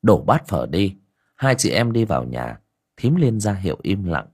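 A man narrating an audiobook story in a steady, descriptive storytelling manner. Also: low voice, normal speed, husky.

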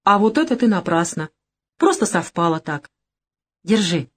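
A woman's voice: fairly low pitch, sing-song, moderate pace, breathy edge, heavily acted. A woman reading an audiobook, voicing a cocky, short-tempered male gangster boss with a brash, mocking manner. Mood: calm, smug. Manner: brash, mocking, flares into shouting.

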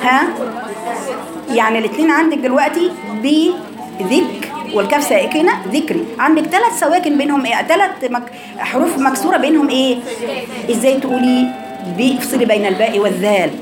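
A higher-voiced woman with an Egyptian Arabic accent leads a recitation class, correcting students and drilling syllables one at a time. Her voice rings in an echoey room. The murmur of a class is clearly heard around her. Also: fast, music in the background, a crowd in the background. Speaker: Quran recitation teacher. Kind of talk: classroom lesson.

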